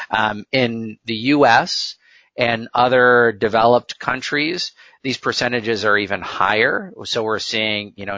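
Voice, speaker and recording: A man's voice: lowish voice, sharp tone, no room sound, lo-fi sound. A man speaking as an expert interview guest, giving explanatory answers. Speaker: interview guest, workforce management consultant.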